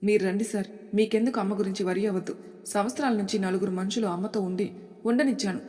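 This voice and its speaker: A loyal, reassuring male assistant in a storybook drama, voiced by a woman narrator. He speaks respectfully at a middle pitch. A long reverb hangs in the air around every word. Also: fairly even intonation, fast, a little mellow, lightly acted.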